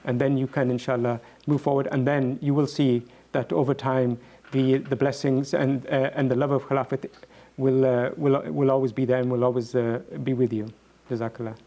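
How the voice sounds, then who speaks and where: A man in a reflective talk, answering as a guest speaker. His delivery is earnest and halting, with repeated words, and his pitch sits in the middle range for a man. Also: level tone, dark tone.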